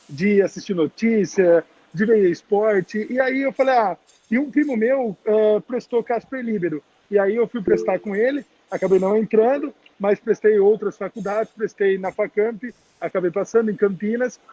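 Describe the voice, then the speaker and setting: A high-voiced man speaks informally through a face mask. His voice is husky and muffled, and the video call sounds dull. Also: mellow. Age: around 30. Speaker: guest speaker, TV journalist. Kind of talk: informal career talk to students. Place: public place, on a video call.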